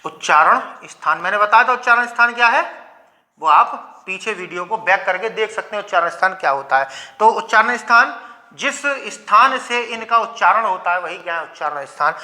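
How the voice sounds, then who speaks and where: A young man teaching Hindi grammar in a lecture, asking questions and answering them himself and sounding out each letter slowly. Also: sits high, animated, bright, forceful tone. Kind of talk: classroom lecture.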